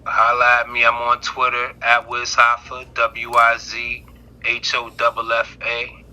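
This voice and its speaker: Emphatic man with a bright, forceful voice. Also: mid-range voice, completely flat delivery, unhurried, poor audio. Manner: emphatic, streetwise, preaching to the listener. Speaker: DJ and producer guest. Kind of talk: casual interview talk.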